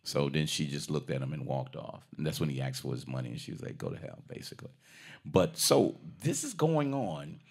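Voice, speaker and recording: A man's voice: a little fast, gravelly, husky. A man casually retelling a film's plot as a review co-host, acting out the characters' lines and swearing freely. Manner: animated, acts out characters' lines with big pitch jumps.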